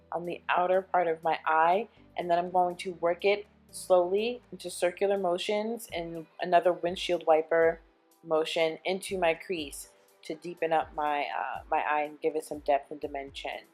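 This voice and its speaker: A young woman with a slightly low voice chats through a makeup tutorial, explaining each step as she goes. Soft music plays behind her. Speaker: beauty vlogger. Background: soft background music.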